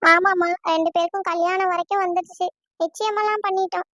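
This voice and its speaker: A woman doing a high-voiced remorseful aunt. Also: steady tone, quick pace, over loud music. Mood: regretful. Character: calm remorseful middle-aged aunt. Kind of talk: cartoon voice acting.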